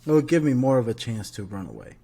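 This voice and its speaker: A man's voice: medium pitch, very animated, quick pace, creaky, dark tone, husky. Laid-back slangy male podcast co-host. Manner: laid-back slangy banter, laughs often. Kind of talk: casual chat.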